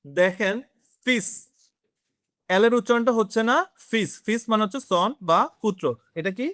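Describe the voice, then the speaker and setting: A man's voice: high-pitched, fairly bright tone, dry recording, clean studio sound. A man teaching a beginners' French class, explaining step by step and quizzing his students. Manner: explains slowly, quizzes the class, mixes in English words. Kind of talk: classroom lesson.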